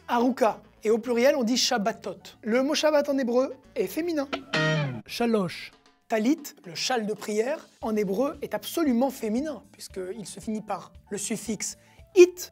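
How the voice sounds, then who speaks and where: A woman teaching a recorded language lesson, patiently explaining and repeating words slowly. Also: fairly high pitch, a little mellow, husky.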